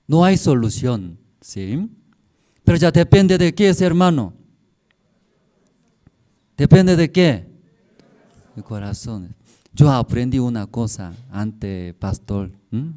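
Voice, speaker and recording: A man preaching a Sunday sermon as pastor, in simple, halting Spanish with broken grammar, acting out the voices he quotes. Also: medium pitch, animated. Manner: acts out quoted voices, rising and falling in loudness. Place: church service, streamed online.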